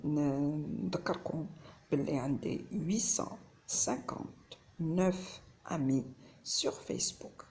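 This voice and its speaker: A woman's voice: sits low, slow pace, a little mellow. A woman with an Algerian accent mixing Arabic and French, chatting casually through a home cooking vlog. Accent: Algerian Arabic mixed with French.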